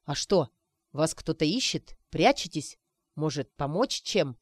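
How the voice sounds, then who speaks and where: A man's voice: on the high side, expressive, a little slow, dry recording, clean studio sound. A woman voicing a cocky young man who teases a friend by pretending to be a wizard, in a playful, mock-mystical way. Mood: teasing.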